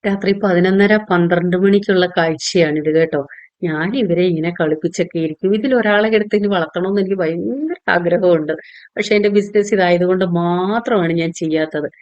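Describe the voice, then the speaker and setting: A woman with a smooth, fairly low voice narrates her home vlog in a homely, talkative way, often ending sentences with a friendly tag. The sound is dry and a little muffled. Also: normal speed, no room sound. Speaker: vlogger and home pickle maker. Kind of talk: chatty voice-over vlog narration.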